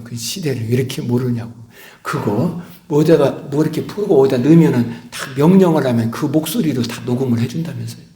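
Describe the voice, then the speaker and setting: A middle-aged male pastor preaching a sermon, swinging between loud emphasis and hushed whispers. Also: medium pitch. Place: church sanctuary. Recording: echoey church hall.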